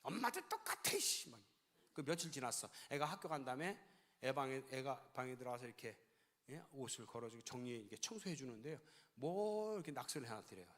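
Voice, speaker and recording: A man's voice: medium pitch, expressive, fast. An older man giving a sermon-style lecture, telling stories with animation and acting out the dialogues. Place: large church hall. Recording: long church-hall reverb.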